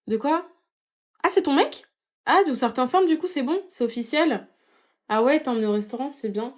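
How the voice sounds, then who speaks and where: A woman's voice: high-pitched, normal speed. A young woman performing comedic sketch monologues in a chatty, sarcastic way with lots of fillers. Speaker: comedy skit creator. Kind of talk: comedic sketch monologue playing all parts.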